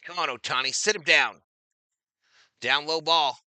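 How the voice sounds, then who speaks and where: A man doing casual live-stream baseball play-by-play, chatting with viewers and getting loud on big plays. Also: on the high side, measured pace, no room sound.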